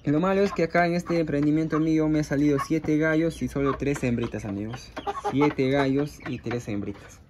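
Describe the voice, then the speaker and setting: Man, slightly high voice, casual vlog, chicken coop outdoors, faint background noise. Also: normal speed. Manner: chatty, addresses viewers as friends, frequent fillers. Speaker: small-scale poultry farmer. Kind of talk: casual vlog explaining his chicken project. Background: hens and roosters clucking faintly.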